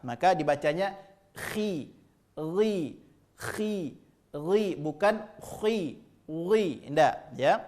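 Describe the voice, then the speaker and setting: A man teaching Arabic letter pronunciation, patiently drilling syllables aloud and repeating each sound. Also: a little high. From Indonesia. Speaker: Quran recitation teacher.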